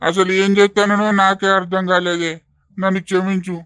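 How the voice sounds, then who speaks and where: A remorseful old village husband in a cartoon, coaxing and pleading in Telangana Telugu, voiced by a man. His voice sits high, bright and smooth, with little swing in pitch, close and dry. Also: flat delivery, moderate pace, no room sound. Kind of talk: animated comedy voice acting.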